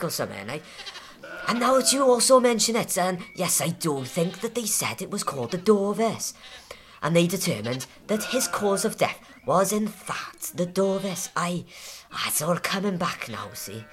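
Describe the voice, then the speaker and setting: A woman's voice: mid-range voice, slight background noise, close to an everyday voice. A woman voicing a simple, long-winded male farmhand who rambles hesitantly through endless fillers.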